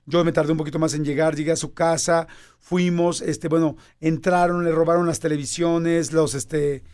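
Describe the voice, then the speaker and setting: A Mexican man in his fifties telling a personal story in casual conversation, animated and acting out quoted dialogue. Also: fairly high pitch, moderate pace, smooth.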